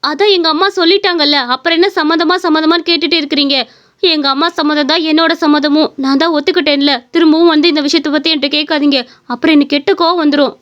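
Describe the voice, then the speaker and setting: A woman's voice: high voice, fairly even intonation, fast talker. A woman voicing a stubborn young college-age daughter in a cartoon story, talking back sharply. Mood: irritated. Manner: sharp, defiant, dismissive. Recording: dull lo-fi recording.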